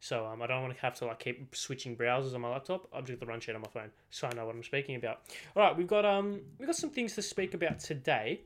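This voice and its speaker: A man's voice: medium pitch, fast. A teenage man with a slight lisp from braces, hosting a casual solo football podcast, rambling and correcting himself as he goes. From Australia. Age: teens. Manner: rambling, self-correcting, chatty. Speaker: podcast host. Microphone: desk microphone.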